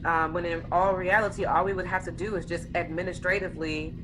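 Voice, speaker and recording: A woman hosting a casual conversation, explaining her ideas in an earnest, steady way. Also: on the low side, brisk, noisy background. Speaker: host.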